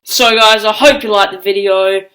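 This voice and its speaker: A man's voice: high-pitched, fairly even intonation, moderate pace, bright, forceful tone, low-quality recording. A young-sounding male hosting a video channel, talking casually to viewers.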